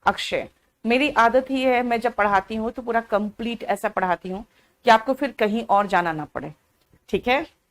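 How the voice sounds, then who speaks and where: This woman's voice sits on the high side and moves at a moderate pace. She's teaching a live online exam-prep class, explaining an English comprehension passage, chatty but drowsy from cold medicine. She mixes English words into her talk and answers students by name.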